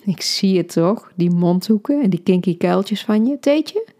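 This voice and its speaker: A woman's voice: medium pitch, lively intonation, a little slow, dark tone, lightly acted. A woman voicing a playful, easygoing young boyfriend who teases breezily and affectionately in a storybook reading. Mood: teasing.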